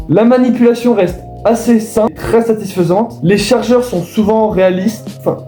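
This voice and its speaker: High-voiced man, echoey room. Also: warm tone. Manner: casual, addresses viewers directly. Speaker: video host. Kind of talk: explanatory voice-over. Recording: echoey room with faint music.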